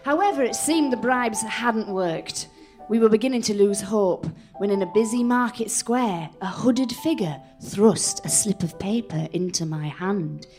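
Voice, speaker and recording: A woman narrating an absurd comic story in a deadpan, matter-of-fact way. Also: medium pitch, unhurried. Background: music.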